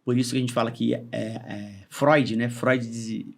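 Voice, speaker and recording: A man's voice: medium pitch, little pitch movement, normal speed, creaky. A man who is a hypnotist, a guest on a podcast, explaining things in a casual, chatty way and often restarting sentences.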